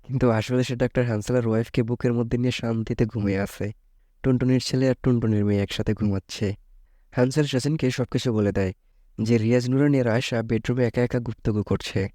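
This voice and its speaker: A man's voice: medium pitch, steady tone, fairly quick, warm tone, no room sound, clean studio sound. A man casually retelling a thriller movie's plot as a recap narrator, chatty and dropping joking asides.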